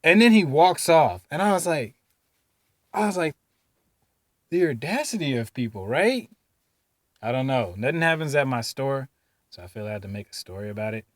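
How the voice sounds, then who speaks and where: Guy telling a work story on his vlog, slangy and lively, dry sound, normal pitch. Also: moderate pace, long pauses, no room sound. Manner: animated, slangy, jumps in pitch and loudness for emphasis. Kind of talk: casual storytelling.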